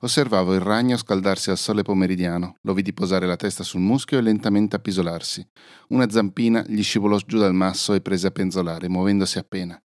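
A man narrating a fairy-tale story in a calm, even storytelling manner. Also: low voice, quick pace, no echo, clean studio sound. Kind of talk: scripted first-person narration.

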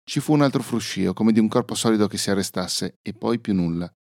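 A man narrating a fairy-tale story in a calm, even storytelling manner. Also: fairly low pitch, brisk, no room sound, clean studio sound. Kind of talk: scripted first-person narration.

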